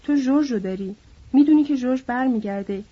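A woman's voice: high voice, warm tone, breathy edge, dull audio. A woman voicing a bitter, lonely older male stable hand who needles and then broods, in an audiobook. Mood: mournful.

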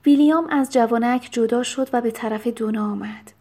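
A woman reads a novel aloud as an audiobook narrator. Her delivery is calm and measured, with a voice sitting a little higher than most women's. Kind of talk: scripted storybook narration.

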